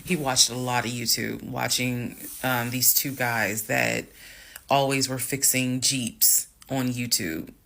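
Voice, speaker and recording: Gravelly woman telling a storytime. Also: a bass voice, slow pace. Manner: candid, blunt, swears casually; calm, matter-of-fact retelling. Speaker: storytime vlogger. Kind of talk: casual storytime narration.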